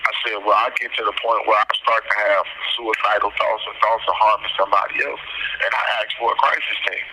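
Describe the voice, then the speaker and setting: Man, low voice, very bright and sharp tone, fuzzy payphone line from jail, blunt, swears freely. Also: steady tone, fairly quick, slight background noise, poor audio. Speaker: incarcerated caller. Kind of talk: recounting own experience.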